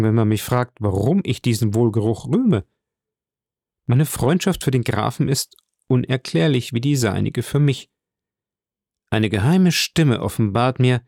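Man reading earnest young man in love, reflective, sincere, gravelly voice, dry sound. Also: medium pitch, darkish tone, dry recording.

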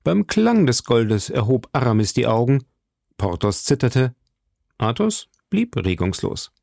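A man reading a classic novel aloud as a steady audiobook narrator. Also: medium pitch, unhurried, gravelly, dry recording, studio quality. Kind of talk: scripted narration.

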